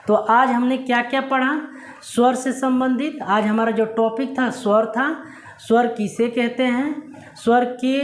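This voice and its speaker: A male Hindi teacher giving a classroom lesson at a board. He dictates slowly word by word, repeats points and keeps checking that students follow. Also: very high-pitched, reverberant. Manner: checks understanding with frequent questions.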